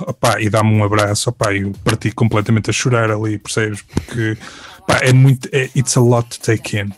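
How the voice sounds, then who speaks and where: Chatty man. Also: mid-range voice. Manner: chatty, animated, many fillers and restarts, quotes voices. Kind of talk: casual storytelling in an interview.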